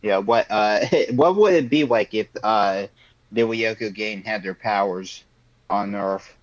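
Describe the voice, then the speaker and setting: A man's voice: lowish voice, unhurried, no echo, dull audio. A man chatting casually with friends on a group call, rambling with lots of fillers. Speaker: podcast panelist.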